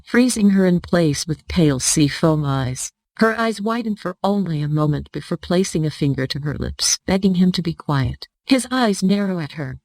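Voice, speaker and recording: Gravelly synthetic audiobook narrator. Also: mid-range voice, dry recording, low-quality recording.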